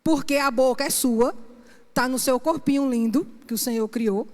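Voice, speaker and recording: A woman minister preaches with emphasis and checks in with her congregation again and again. Her voice sits high. It trails off into the long reverb of a church sanctuary. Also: normal speed, a little mellow. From Brazil. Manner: emphatic preaching, punctuated with frequent "Amém?". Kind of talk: sermon.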